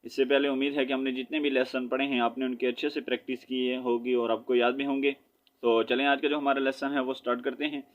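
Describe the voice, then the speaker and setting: A man with a Pakistani Urdu accent teaching a Quran lesson, spelling out syllables slowly and chanting verses in a drawn-out melody. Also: mid-range voice, level tone, dull audio.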